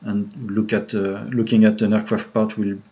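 A man's voice: lowish voice, level tone, normal speed, dark tone. A man with a French accent giving a live tutorial on CAD modeling, talking through each step with many fillers and restarts while greeting viewers in the chat. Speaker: 3D modeling streamer. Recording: dull lo-fi home stream audio.

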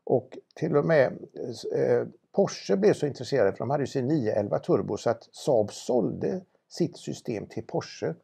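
Gravelly, husky man. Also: mid-range voice, expressive, few pauses, dark tone. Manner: knowledgeable, chatty, many restarts. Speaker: car auction presenter. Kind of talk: casual car talk.

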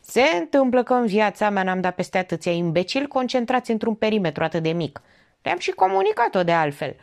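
A woman's voice: mid-range voice, big pitch swings. A woman voicing a sardonic male veterinarian who mocks everyone around him, reading him in an audiobook. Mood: scornful. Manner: mocking, scathing outbursts.

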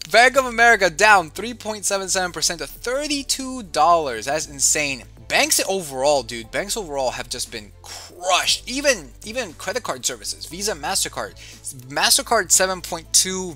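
Bright-voiced man reading stock moves. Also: high voice, unhurried, faint music behind. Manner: lively, reads stock figures, says "dude". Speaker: investing show host. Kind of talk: casual market rundown chat.

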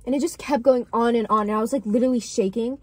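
A teenage girl rambles through giggly stories in a car. Her voice is fairly high and has a breathy, husky edge. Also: fairly even intonation, fast, no room sound. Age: teens. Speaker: co-host. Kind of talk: casual car chat. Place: inside a car.

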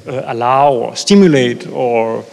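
A man's voice: mid-range voice, measured pace, vocal fry, darkish tone. Hesitant male moderator in a reverberant room. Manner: hesitant, many fillers and restarts. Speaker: panel moderator. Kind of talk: panel discussion. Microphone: handheld mic.

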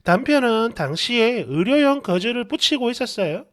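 A woman's voice: on the high side, sing-song, normal speed. A woman reading a dramatized online story in an exasperated, gossipy manner. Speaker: story narrator.

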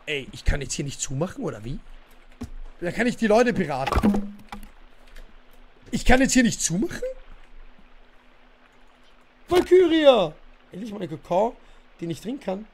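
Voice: mid-range voice, sing-song, moderate pace, pauses often, darkish tone, slight background noise. A streamer chatting casually during a livestream, rambling with many fillers and grumbling in exasperation at the game. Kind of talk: casual livestream chat while playing.

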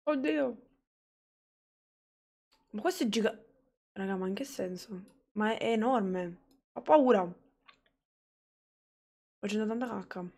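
A young woman, commenting excitedly on a game she plays live, swearing and talking to her chat. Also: medium pitch, measured pace, long pauses. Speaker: streamer.

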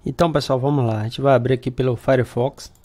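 A man's voice: medium pitch, steady tone, fast, dark tone. A man with a Brazilian accent, a computer shop owner, casually walking viewers through setting up a router step by step. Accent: Brazilian Portuguese. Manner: casual, explanatory, talks through screen steps. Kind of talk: hands-on tech tutorial.

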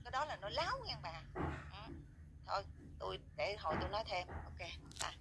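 A woman's voice: mid-range voice, very animated, moderate pace, creaky, noisy background. A woman, an outraged viewer scolding and repeating herself as she rants. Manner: indignant, scolding, repetitive. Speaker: viewer voicing complaints. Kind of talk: angry spoken rant.

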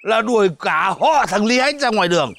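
A pompous retired mandarin with a lively voice. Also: male voice, high-pitched, a little fast, gravelly, exaggerated voice. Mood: blustering. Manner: pompous, bossy, shouting threats. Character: blustering retired male village mandarin, pompous and hot-tempered. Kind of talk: folk comedy TV acting.

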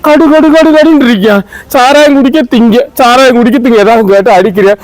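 A man's voice: extremely high pitch, fairly quick, no room sound, low-quality recording. A man voicing a weeping, worn-down village wife and mother of many, lamenting for a comedy sketch. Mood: wailing. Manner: wailing, lamenting sing-song complaints.

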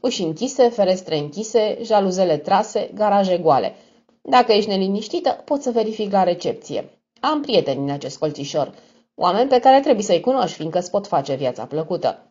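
A woman's voice: medium pitch, big pitch swings, dark tone, slightly rough. Sneering blackmailer, as a woman puts him on. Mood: mocking. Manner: mocking, affected tone. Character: smug sneering young male blackmailer. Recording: dull lo-fi recording.

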